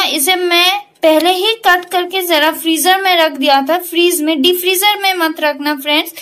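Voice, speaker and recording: A woman's voice: very high-pitched, a bit bright, rough recording. A woman hosting a cooking video from her home kitchen, chatting to viewers as friends while she explains each step. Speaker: cooking channel host. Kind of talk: casual cooking tutorial.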